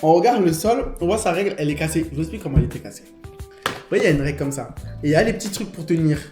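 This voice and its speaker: A man's voice: a little high, expressive, rapid-fire, darkish tone. A young man telling a story in casual chat, acting out the dialogue with animation. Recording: roomy room with music behind.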